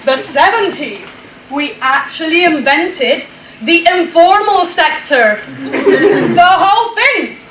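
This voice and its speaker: A woman's voice: very high voice, animated, slow pace, heavily acted. A woman in an amateur pantomime playing a self-important, forgetful old academic who rambles and muses about past glories. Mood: boastful nostalgia. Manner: pompous, rambling, musing hesitations. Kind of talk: amateur comic pantomime stage acting. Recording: echoey hall, distant mic, noisy laughing audience.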